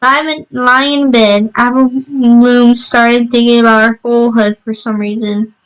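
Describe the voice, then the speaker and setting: A woman reads a scripted horror story aloud in a fairly high, clean voice. Her pace is very slow, and she halts now and then to repeat a word or correct a stumble. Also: level tone, fairly bright tone, clear, resonant tone, low-quality recording. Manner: halting reading with repeated words and stumbles. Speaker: narrator reading a fan horror story.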